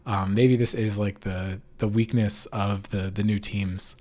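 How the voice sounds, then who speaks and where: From a bare, echoey room at home, a male podcast host gives a casual esports recap, informal and hedging. His fairly low voice is a little mellow, steady in tone and unhurried, with reverberation around it.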